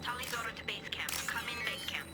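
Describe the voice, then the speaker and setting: A woman voicing a young, earnest alien engineer, speaking softly and breathily over a sci-fi communicator with loud game music underneath. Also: fairly high pitch, expressive, fairly quick. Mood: calling out. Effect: sci-fi communicator radio transmission. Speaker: squad ally on comms. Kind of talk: video game voice acting.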